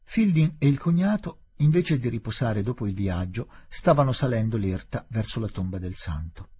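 Husky male novel reader. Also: lowish voice. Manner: expressive, measured narration. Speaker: narrator reading a novel. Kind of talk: literary audiobook reading.

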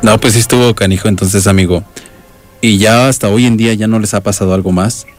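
A man's voice: fairly low pitch, steady tone, a little fast, faint music behind. A man with a Mexican accent hosting a call-in radio show, prompting the caller with short encouraging replies. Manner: brief encouraging backchannels to a caller. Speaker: radio host.

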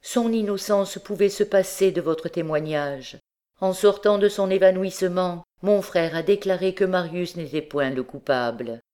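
Lady reading an audiobook doing a brave young woman, earnest, pitched up and pleading. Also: normal speed, mellow, natural voice. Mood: tender. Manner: urgent pleading.

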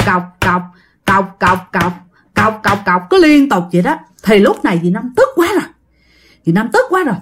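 Woman storyteller, Southern Vietnamese accent, mimics knocks, animated and fairly high-pitched. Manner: addresses listeners, imitates knocking sounds. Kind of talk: spoken ghost story.

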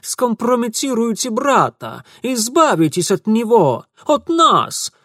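A man voicing an indignant, self-righteous young man who scolds loudly and with contempt in an audiobook. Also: very high-pitched, huge pitch swings, slow pace, slightly rough, dry recording, studio quality, pitched above the performer's own voice, heavily acted. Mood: accusing.

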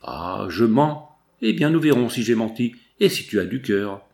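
A man's voice: mid-range voice, very animated, moderate pace, creaky, a little mellow. A man voicing a sly, scheming male friend in an audiobook, speaking in an insinuating, mock-sympathetic way. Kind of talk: audiobook dialogue reading.

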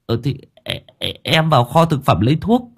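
Nervous stammering young man, voiced by a man, raspy. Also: a little high, sing-song, moderate pace, pitched above the performer's own voice, heavily acted. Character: stammering frightened young male assistant.

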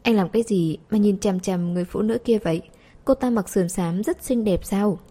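A woman's voice: medium pitch, brisk, dark tone, breathy edge, natural voice. A woman voicing a petulant young girlfriend nagging her boyfriend in an audiobook.

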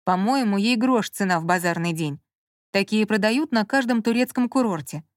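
Женщина в аудиокниге читает реплики ворчливого раздражённого мужчины, занятого делом. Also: female voice, medium pitch, expressive, normal speed, no echo, clean studio sound, lightly acted. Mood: muttering. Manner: grumbling, irritable, muttering. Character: grumpy man absorbed in work, snappish. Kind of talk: audiobook character reading.

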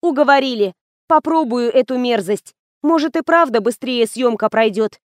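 A woman's voice: on the high side, normal speed, dry recording, close to an everyday voice. A woman voicing a whiny squeamish young actress. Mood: grudging. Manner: whining.

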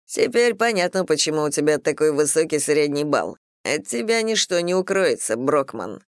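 A woman voicing a crude, mocking young man with a slow, smirking drawl in an audiobook. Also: low voice, big pitch swings, no room sound, studio quality.

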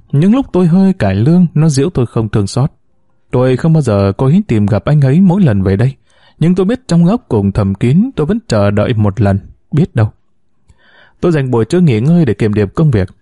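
A man narrating a novel in a measured, expressive storytelling manner. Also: medium pitch, no echo. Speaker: audiobook narrator.

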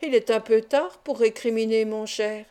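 A man's voice: high-pitched, steady tone, moderate pace, warm tone, clean tone, close to an everyday voice. A woman reading the part of an impudent, ironic male gambler who stays coolly confident, in a storybook narration. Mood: coaxing.

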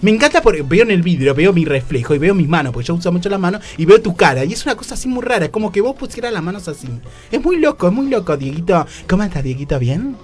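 A man's voice: sits high, very animated, quick pace, few pauses, breathy edge, soft background music. A man with an Argentine accent hosting a comedy talk show in a campy, exclamatory way. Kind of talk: comedy radio sketch.

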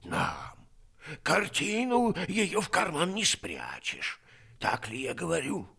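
A man voicing a decrepit, fretful old valet in an audiobook, mumbling toothlessly and breathlessly in a raspy, folksy, drawn-out way. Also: a little high, wildly swooping pitch, bright, forceful tone, voice pushed up, full character voice. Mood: fretful grumbling. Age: older. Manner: drawn-out rustic grumbling and lamenting. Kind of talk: audiobook character reading.

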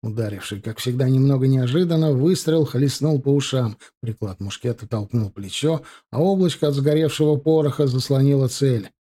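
A man narrating an audiobook in a measured, even way. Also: mid-range voice.

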